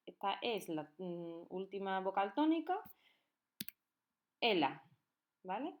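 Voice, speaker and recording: A woman's voice: medium pitch, big pitch swings, slow. Patient woman teaching poetry. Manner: patient, counts syllables aloud, checks in with frequent "¿vale?". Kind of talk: recorded lesson on poetic meter.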